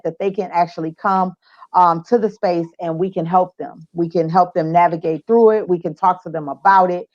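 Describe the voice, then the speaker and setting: A woman's voice: on the low side, darkish tone, lo-fi sound. A woman hosting a podcast, chatting casually with upbeat, slangy hype as she wraps up the show. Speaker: podcast host. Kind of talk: casual show wrap-up chat.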